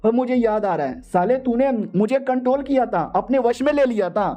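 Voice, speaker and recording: A man's voice: extremely high pitch, expressive, moderate pace, mellow, soft background music, voice pushed up. A man voicing an angry young swordswoman, furious and scolding.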